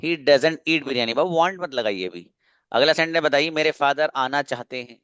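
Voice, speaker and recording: Strict online English teacher, clear voice. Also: male voice, a little high, moderate pace, a bit bright, dull audio. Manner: firm, scolding then encouraging. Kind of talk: online class drilling students. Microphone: video call.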